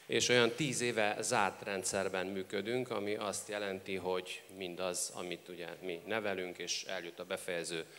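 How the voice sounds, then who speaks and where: A man working as a live consecutive interpreter, with a halting delivery. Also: low voice, little pitch movement, fairly bright tone. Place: large reverberant hall. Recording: echoey hall with background noise.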